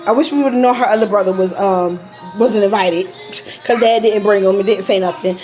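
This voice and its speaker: A woman's voice: mid-range voice, brisk, over music. A woman telling a personal story to camera in a blunt, profane, casual way, laughing often.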